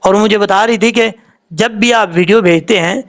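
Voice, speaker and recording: Man, Pakistani Urdu accent, high-pitched, patient Quran lesson, slow drawn-out sounds. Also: a bit bright. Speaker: Quran teacher. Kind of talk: teaching Quran reading.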